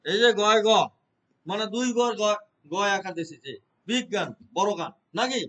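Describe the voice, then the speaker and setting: This man teaches a computer class in a very high voice. He walks through each step slowly and keeps stopping to check that the class is following along. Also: animated, sharp tone, poor audio. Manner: explains step by step, checks understanding with repeated questions. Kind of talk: classroom lesson.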